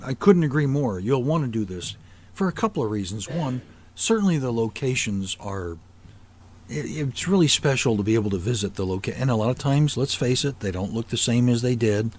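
A man hosting a podcast interview, speaking in a measured way with frequent small restarts. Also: medium pitch, expressive, darkish tone, a little hiss or hum. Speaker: podcast host. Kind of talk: interview conversation.

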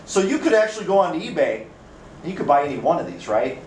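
A male instructor with an Upper Midwest American accent talks fast in a sing-song, slightly mellow voice that sits on the high side. His lecture is relaxed and conversational, full of questions to the class. The recording has a little hiss or hum and comes from far off in an echoey classroom.

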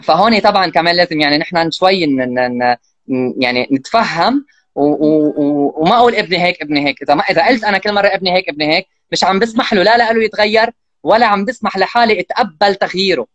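A man's voice: sits high, no room sound. A man, a parenting guest in an interview, explaining at speed and acting out what parents and children say. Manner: fast, animated, acts out parent and child lines. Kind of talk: casual explanatory interview talk.

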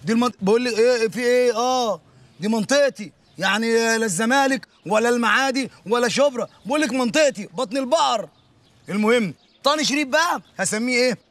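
A bragging young Egyptian man who rambles about his singing dreams. His voice is fairly high and the talk races along. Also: quick pace, fairly bright tone, no echo. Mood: boastful. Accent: Egyptian Arabic. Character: boastful young man hoping to be a singer.

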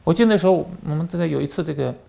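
Racing along in a gravelly, dark-toned voice on the high side, a male commentary host who used to be a journalist works through a political monologue. He narrates animatedly, full of fillers and words said over and over.

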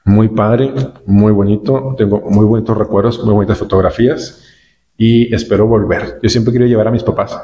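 Lowish-voiced northern Mexican man, rambling. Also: steady tone, normal speed, mellow, slight background noise. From Nuevo León, Mexico. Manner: rambling, repeats words, frequent "este" fillers. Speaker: vlogger recounting a trip. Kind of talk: casual storytelling.

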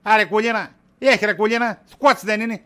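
A weary shopkeeper husband, as a man acts him out, high-pitched and bright, brushing off accusations with sarcasm. He sounds worn out and exasperated throughout the comic scene. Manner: exasperated, dodging, wisecracking. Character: tired, evasive shopkeeper husband, middle-aged. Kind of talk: comedy sketch acting.

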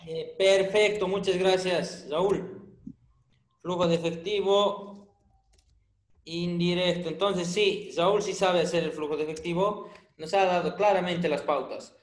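A male finance teacher giving an online class, his voice sitting fairly high. He asks students questions and teases them with dry humor. The sound has a roomy, echoing quality. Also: steady tone, unhurried. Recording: roomy echo.

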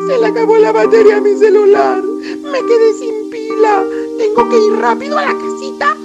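A vain little girl doll squeals and begs in a very high, piercing voice with a Mexican lilt. Her pleas come out in whiny bursts. Music plays under her. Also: normal speed, creaky, highs cut off. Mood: panicked. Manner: squealing, pleading, tearful. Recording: music playing behind.

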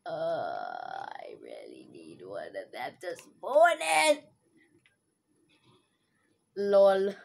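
A woman's voice: extremely low pitch, huge pitch swings, very slow, vocal fry, long pauses, a little mellow, husky. A woman giving casual, giggly commentary over her own gameplay, laughing often and dropping internet slang. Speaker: gaming video host.

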